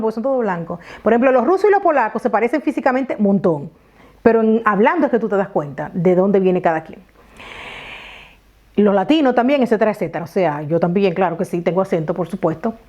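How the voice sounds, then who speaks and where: A Dominican woman from the Dominican Republic telling a personal story in a vlog, lively and talking straight to her viewers. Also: mid-range voice, quick pace. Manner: animated storytelling, talks straight to viewers, many "entonces". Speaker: vlogger. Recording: slightly dull lo-fi audio.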